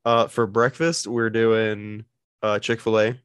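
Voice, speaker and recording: A man in his twenties chatting casually with friends, easygoing and profane, often pausing on "uh.". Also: fairly low pitch, little pitch movement, clean tone, no room sound, studio quality. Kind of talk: casual chat.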